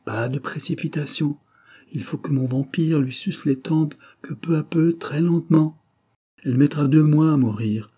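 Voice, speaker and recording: A man's voice: fairly high pitch, normal speed, dark tone, breathy edge, voice pushed up. A man reading an audiobook, voicing a commanding, calculating countess in a raised voice. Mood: scheming. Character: scheming woman, a countess.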